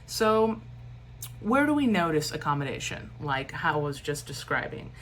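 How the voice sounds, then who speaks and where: Lady teacher w a low voice doing an online lecture, steady cadence, bit of hum in the background. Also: moderate pace. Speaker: instructor. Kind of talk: lecture for a recorded online class.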